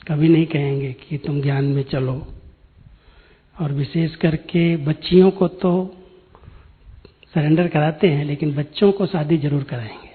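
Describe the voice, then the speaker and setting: A man's voice: a little high, fairly even intonation, a little slow, long pauses. A man, giving a spiritual discourse and telling his own story in an earnest, direct way. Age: 60s. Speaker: spiritual speaker. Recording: tinny phone-like sound in a hall with long reverb.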